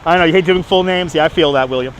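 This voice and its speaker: A middle-aged man from Brooklyn, New York, talks quickly in a slightly high voice as he live streams on foot through busy Manhattan. Chatting casually, he reads viewer messages aloud, answers them, and says things more than once. Outdoor city sounds and street noise run underneath.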